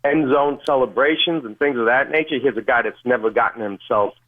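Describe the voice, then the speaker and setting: A man calling in to a radio show over a phone line, speaking in a halting, measured way. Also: mid-range voice. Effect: phone call on radio. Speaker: caller. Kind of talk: call-in radio.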